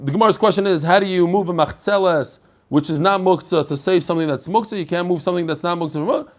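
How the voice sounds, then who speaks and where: A man with a high voice speaks fast while teaching a daily Talmud class as a rabbi. He explains casually and poses rhetorical questions throughout.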